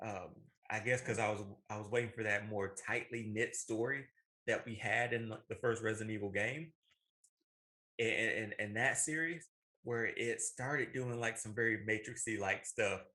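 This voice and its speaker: This co-host of a movie and video game show, a man in his thirties, has a lowish voice that is bright and forceful, with fairly even intonation at normal speed. He keeps things casual and conversational, often repeating himself as he goes.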